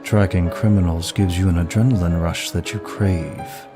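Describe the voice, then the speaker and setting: In a close, intimate audio roleplay, a man plays a suave and seductive lust demon, flattering the listener in a formal, flirtatious way. His natural voice sits low, and he sounds charming and admiring, smooth and unhurried, speaking one side of an ASMR-style dialogue with music behind him.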